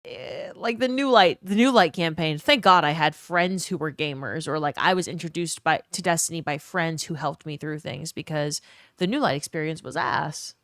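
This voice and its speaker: A woman's voice: deep voice, moderate pace, a bit bright, no echo. Casual woman game streamer, dry close sound. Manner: informal, sweary, reminiscing and reacting aloud. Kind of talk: casual chat while playing a game.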